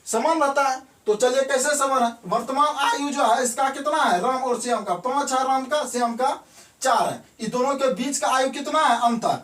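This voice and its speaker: A man's voice: very high voice, a bit bright, far from the mic. Man teaching math in an echoey room. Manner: asks and answers his own questions, repeats key words. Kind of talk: classroom lesson.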